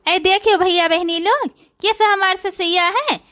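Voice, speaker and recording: A woman's voice: very high voice, moderate pace, sharp tone. Woman doing a sassy young Awadhi daughter-in-law. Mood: boastful. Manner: sassy, boastful, talks to the audience. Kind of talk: comic cartoon dialogue.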